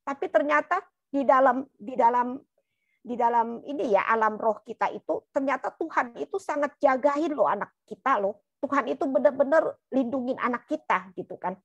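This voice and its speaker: Husky woman giving an earnest church testimony. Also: sits high, moderate pace, no room sound, lo-fi sound. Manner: earnest, keeps addressing listeners as "brothers and sisters"; colloquial storytelling.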